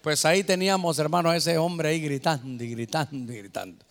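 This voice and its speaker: A man, a pastor preaching a sermon, telling a story and acting out the voices and shouts of others. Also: on the high side, fairly quick. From Guatemala. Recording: echoey hall reverb.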